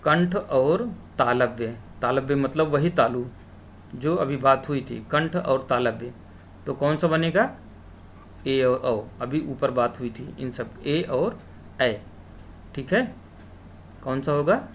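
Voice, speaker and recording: In a medium-pitched voice with a faint hiss or hum in the background, a man teaches an exam-prep lesson. He poses questions aloud and answers them himself, now and then stretching out his syllables.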